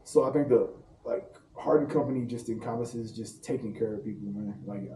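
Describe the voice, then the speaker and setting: Speaking a bit fast in a warm, mid-range voice, a private chef from St. Louis chats loosely as a podcast guest, laughing through slangy anecdotes. A distant mic in a roomy room captures faint ambience and a slight hiss or hum.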